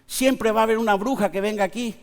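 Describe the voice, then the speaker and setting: A man, preaching a sermon to his congregation with slow, emphatic pauses and conversational asides. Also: high-pitched. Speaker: pastor. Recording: long church hall reverb.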